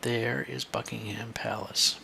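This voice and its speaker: A man's voice: medium pitch, level tone, a little slow, gravelly, pushed and bright, a little hiss or hum. A man teaching a screen-share lesson for kids, chatty and thinking aloud as he points things out.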